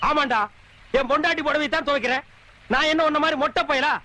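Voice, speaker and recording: An actor playing a sharp-tongued man who mocks and scolds loudly in comedic film dialogue. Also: very high voice, fairly even intonation, quick pace. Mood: sarcastic. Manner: loud, sarcastic scolding. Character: sharp-tongued mocking man, quick to insult. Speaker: comic film character.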